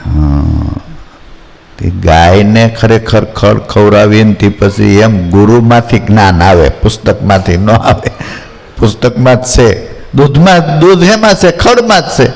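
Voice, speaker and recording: A man's voice: lowish voice, a little slow, darkish tone. Folksy man in echoing hall. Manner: anecdotal, acts out villagers in quoted voices. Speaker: spiritual storyteller. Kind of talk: folksy devotional discourse.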